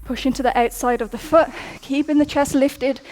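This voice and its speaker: A woman's voice: high voice, fairly even intonation, moderate pace, darkish tone. A young woman instructing a workout over music in an upbeat coaching manner, counting down reps and sometimes out of breath. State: out of breath at times. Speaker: fitness instructor.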